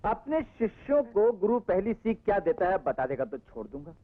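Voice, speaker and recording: Hot-tempered tough cop, high-pitched, mocking and bossy, dubbed film sound. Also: male voice, big pitch swings, a little fast. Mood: commanding. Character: brash tough police inspector, hot-tempered. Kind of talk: Hindi film dubbing. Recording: muffled dubbed film audio with music.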